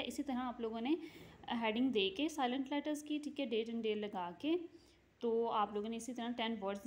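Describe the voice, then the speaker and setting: A woman teacher talks through a recorded lesson in a fairly high voice. She reads English examples slowly, then explains them quickly and checks in with her pupils. A faint noise sits under the recording. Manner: frequent "theek hai" checks with students. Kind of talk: recorded remote class lesson.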